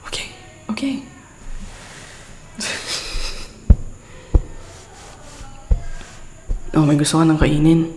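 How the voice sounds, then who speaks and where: A chaotic, teasing young girlfriend, played by a woman in a whispered role-play. She bickers in a playful, blunt way at an unhurried pace. The recording is roomy, with a long, hall-like reverb. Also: low voice, a little mellow, slight background noise. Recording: echoey room with long reverb.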